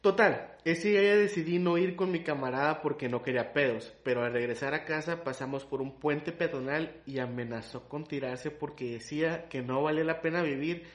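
A man's voice: a little high, a little fast, hardly any pauses. Slangy Mexican man, echoey room. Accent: Mexican Spanish. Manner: crude slangy banter, laughs often. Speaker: podcast co-host. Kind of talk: casual podcast chat.

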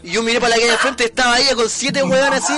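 A man's voice: very high-pitched, little pitch movement. A young Chilean man telling stories in casual slangy podcast chat, acting out voices. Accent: Chilean Spanish. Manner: slangy, rapid storytelling, acts out voices. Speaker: podcast co-host.

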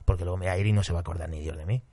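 Low-voiced comedian guy from spain, rattles off quick, voices the quotes he tells. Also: steady tone, mellow. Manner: chatty, acts out quoted lines in a higher voice. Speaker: stand-up comedian. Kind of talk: casual podcast chat.

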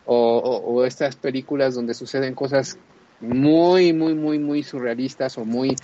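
A man's voice: medium pitch, fairly even intonation, unhurried, warm tone, dull audio, a little hiss or hum. A man reviewing a film in casual chat, rambling with many fillers and restarts.

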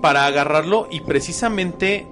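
Guy hosting a chat, fairly high voice, animated and rambling, lots of restarts. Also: moderate pace, music in the background. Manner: animated, many restarts and fillers. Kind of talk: casual storytelling chat.

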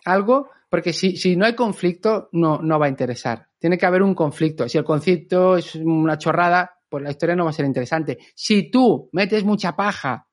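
High-voiced chatty man. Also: moderate pace, hardly any pauses. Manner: lively, chatty, acts out quotes. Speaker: communicator and trainer. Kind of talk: podcast storytelling talk.

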